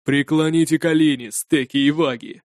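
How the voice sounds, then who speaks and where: A stern viking elder gives formal orders in a firm, commanding tone, voiced by a male audiobook narrator. His words are measured and authoritative. The recording is dry. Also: fairly high pitch, steady tone, no echo, close to an everyday voice.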